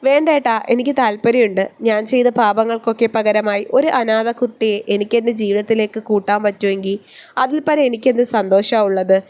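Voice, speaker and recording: A woman's voice: on the high side, a little fast, darkish tone, close to an everyday voice. A woman voicing a remorseful, earnest younger brother in a read-aloud story.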